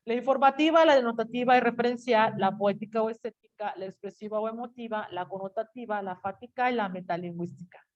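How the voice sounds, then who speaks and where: A woman teacher, giving a lively classroom lecture and acting out what students might say. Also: fairly high pitch, fast talker, few pauses. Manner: animated, acts out student quotes. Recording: dull lo-fi classroom recording.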